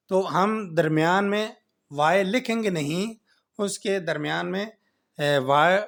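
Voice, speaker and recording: A man teaching an English grammar lesson, explaining slowly, repeating points and often checking with "right?". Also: on the high side. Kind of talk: classroom lecture.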